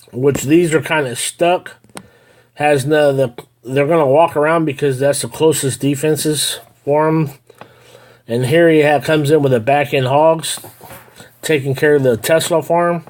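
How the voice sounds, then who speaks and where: A man's voice: a little high, darkish tone. Middle-aged man rambling over gameplay. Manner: rambling, explains step by step with many "uh"s. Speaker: gaming channel host. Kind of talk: casual gameplay commentary.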